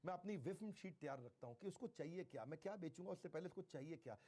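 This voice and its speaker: A man giving a motivational sales lecture, stressing key phrases by repeating them slowly and mixing in English. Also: on the high side, expressive, warm tone, slightly rough. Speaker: sales trainer.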